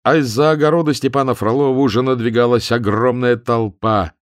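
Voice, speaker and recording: A man narrating a humorous novel as an audiobook reader, with a wry, expressive storytelling manner. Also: medium pitch, brisk, clear, resonant tone, no echo, studio quality.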